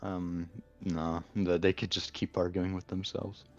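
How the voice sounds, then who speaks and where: A man's voice: low voice, flat delivery, a little slow, darkish tone, muffled recording. A man playing a tabletop role-playing game, talking in an easygoing, thoughtful way. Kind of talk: casual role-play as a player.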